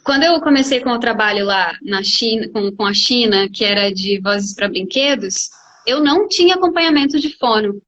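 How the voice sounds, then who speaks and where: A woman with a Brazilian accent, a voice actress, chatting casually and telling lively stories about her training. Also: a little high, moderate pace, muffled recording. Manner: lively, anecdotal storytelling. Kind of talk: casual chat.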